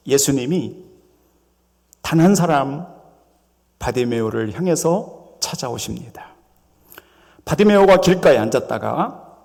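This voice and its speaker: A male pastor preaching a sermon in a church sanctuary, animated and often asking the congregation rhetorical questions. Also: mid-range voice, creaky. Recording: long hall reverb.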